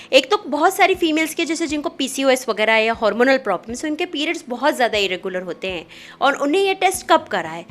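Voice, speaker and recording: A woman gynecologist explaining pregnancy testing in a calm, clinical manner, with small fillers as she talks. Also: high-pitched. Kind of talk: medical explainer conversation.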